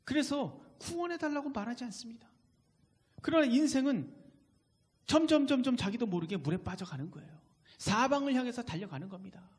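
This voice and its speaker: A man's voice: extremely high pitch, lively intonation, fairly quick. A man preaching a sermon as pastor in a church, emphatic and often putting questions to the congregation. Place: church sanctuary. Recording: long reverb in a church hall.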